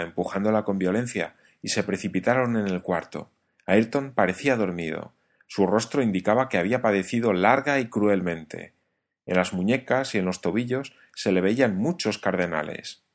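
A man narrating a novel as an audiobook, in a measured storytelling reading. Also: fairly low pitch.

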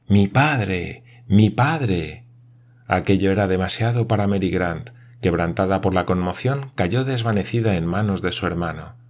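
A man narrating an audiobook in a steady, dramatic reading. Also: low-pitched, a little fast, few pauses.

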